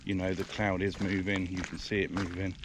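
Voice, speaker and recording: Low-voiced British man walking outdoors. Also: flat delivery, fairly quick, noisy background. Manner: rambling, hesitant, many fillers. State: out of breath. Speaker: vlogger reviewing a camera. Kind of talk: casual walking vlog. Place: outdoors in the countryside, walking by a river. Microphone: action camera's built-in mic.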